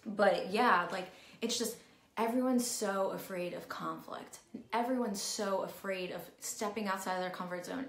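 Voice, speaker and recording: A middle-aged woman talks straight to the camera in a casual, candid vlog, leaning on "like" as she goes. Her voice sits at an ordinary pitch for a woman. The room around her rings with a noticeable echo. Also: a bit bright. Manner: candid, chatty, heavy use of "like" fillers. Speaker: vlogger. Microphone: camera at close range, talking to herself on screen. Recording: roomy echo.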